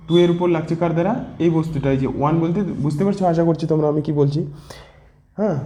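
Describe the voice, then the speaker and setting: A man's voice: on the high side, dark tone, roomy sound. A man teaching physics with a Bengali accent, explaining step by step and asking questions that he answers himself. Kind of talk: classroom-style lecture at a board.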